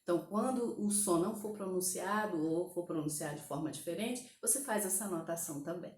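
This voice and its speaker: A woman's voice: on the low side, fairly quick, darkish tone, slight background noise. A woman with a Brazilian Portuguese accent teaching an online language lesson, explaining step by step and often checking in with the listener. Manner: patient step-by-step explaining with frequent "né?" and "ok?" check-ins. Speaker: English teacher. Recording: echoey room.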